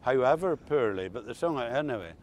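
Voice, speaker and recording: A man's voice: mid-range voice, expressive, brisk, a little mellow, dull audio. An older man with an Ulster Scots accent, reminiscing in a casual chat with folksy, dialect-rich storytelling. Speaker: interviewee recalling old country life.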